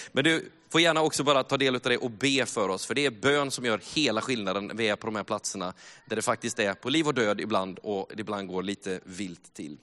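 Bright-voiced preacher in echoing hall. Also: male voice, medium pitch. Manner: storytelling with laughs and rising fervor. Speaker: missionary preacher. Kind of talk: sermon. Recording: long hall reverb.

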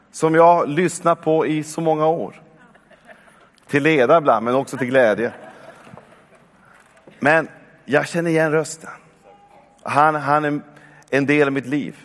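A man's voice: a little high, pauses often. A man in his forties delivers a sermon in a church hall. His voice carries a long reverb, and he keeps urging his listeners on with calls of "come on". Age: 40s. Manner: warm, exhortative, with repeated calls of "come on". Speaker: preacher.

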